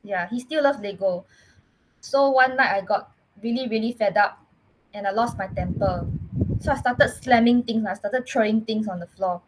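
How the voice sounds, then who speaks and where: A woman with a Singaporean English accent telling her own story as a podcast guest, earnest and halting, often restarting her words. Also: medium pitch, a little hiss or hum, low-quality recording. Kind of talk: personal storytelling in casual chat.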